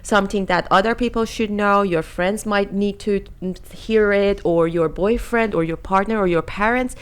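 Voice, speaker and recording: A woman's voice: mid-range voice, moderate pace, clean tone. A woman in her thirties, born in Iran, co-hosting a casual chat show with a playful, self-assured manner. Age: 30s. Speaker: podcast co-host.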